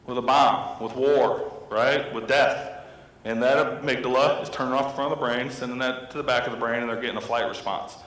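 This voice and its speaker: Counselor, 30s man, mid-pitched, speaking to an audience in a reverberant hall. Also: steady tone, a little fast, fairly bright tone. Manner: storytelling, asks the audience questions. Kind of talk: talk to an audience of teachers. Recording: echoey hall with long reverb.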